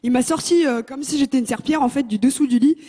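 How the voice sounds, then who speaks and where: A woman's voice: high-pitched, quick pace. Young woman doing stand-up on stage. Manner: lively, teases the audience. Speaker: stand-up contestant. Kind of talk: stand-up comedy routine. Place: TV talent show stage. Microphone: handheld mic.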